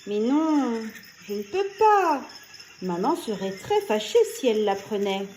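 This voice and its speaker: A woman voicing a small, excited young girl in a read-aloud storybook, with a high, shrill, animated voice. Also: a little slow, slight background noise. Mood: hot, tempted.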